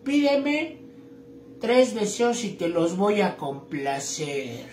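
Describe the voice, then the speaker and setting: A man voicing a cocky female magic snake genie with a Mexican accent, who hushes and talks in street slang. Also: high voice, very animated, slow, reverberant, a little hiss or hum, full character voice. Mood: cocky, slangy. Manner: streetwise slang, hushing "shh" before speaking.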